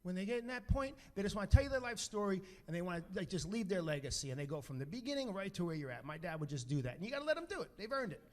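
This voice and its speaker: A middle-aged man doing stand-up comedy, telling an animated story, bursting into shouts and often asking "right?". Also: sits high, very fast, few pauses.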